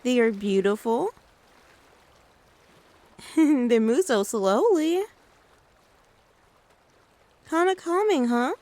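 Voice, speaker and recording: A woman playing a gentle doting mother. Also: a little high, lively intonation, very slow, pauses often, dry recording. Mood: soothing. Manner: soothing, coaxing, talks to the listener as a child. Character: gentle doting mother taking her little one out. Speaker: ASMR creator. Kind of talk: soft-spoken ASMR role-play.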